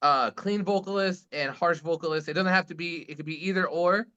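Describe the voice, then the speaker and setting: A man hosting a casual band interview, chatting excitably in slangy bro talk. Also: on the high side, a little fast, clean tone. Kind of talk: casual chat. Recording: dull lo-fi sound.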